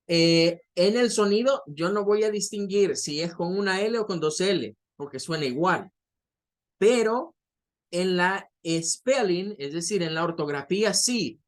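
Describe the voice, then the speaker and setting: Patient Spanish-speaking man teaching English. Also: a little high. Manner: explains patiently, repeats key points; models English words slowly. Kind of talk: online grammar lesson.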